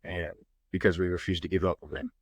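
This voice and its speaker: A man with a very low voice chimes in during a casual podcast conversation, matter-of-fact as he fills in the details his wife left out. The sound is close and dry. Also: fairly even intonation, fast, breathy edge, dry recording. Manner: plain, corrects details, restarts while counting. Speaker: podcast co-host, husband.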